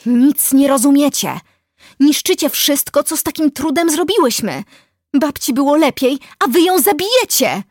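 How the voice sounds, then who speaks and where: A woman voicing a defiant sixteen-year-old witch girl who shouts in a high, shrill, slow and emphatic voice. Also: expressive, no echo, studio quality. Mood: furious shouting.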